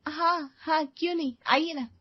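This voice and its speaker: A woman's voice: sits high, moderate pace, no room sound, highs cut off, natural voice. A woman playing a whiny, overwhelmed young wife in a clip within the drama. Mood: complaining. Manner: whining, complaining.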